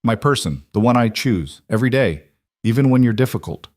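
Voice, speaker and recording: A man's voice: medium pitch, lively intonation, a little fast, dry recording, studio quality, lightly acted. A man reading as an earnest single dad. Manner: earnest, gentle. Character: earnest single father, quietly devoted.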